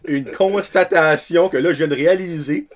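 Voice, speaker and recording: A man's voice: fairly high pitch, moderate pace, a crowd in the background. A man hosting a podcast, chatty and joking at his own expense. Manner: joking, self-deprecating, chatty. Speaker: podcast host. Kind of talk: casual chat.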